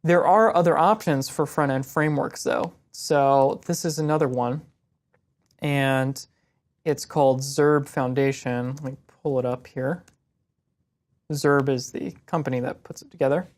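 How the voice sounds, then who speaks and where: With a rumbling low voice and a measured pace, a young woman guides viewers through their web design questions. Her screen-share lesson is relaxed and informal, broken down step by step.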